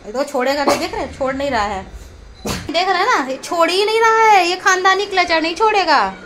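A woman with a high, bright voice coos and teases her pet dog in a casual home vlog. She slips into playful baby talk. She sounds chatty and affectionate, recorded indoors at home. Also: expressive, fairly quick, a little hiss or hum. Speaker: pet owner vlogger.

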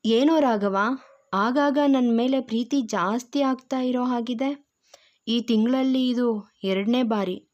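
Jovial older family doctor in an audio story, voiced by a woman; teasing, unhurried, dull sound. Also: fairly high pitch, darkish tone. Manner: joking, chatty. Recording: dull lo-fi recording.

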